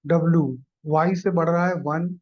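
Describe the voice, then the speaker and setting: Taking it slowly in a level tone, a man with a voice on the high side teaches exam-prep economics math, walking through each step. He checks in with students often, asking "clear?" and "ठीक है". The recording is dull and lo-fi.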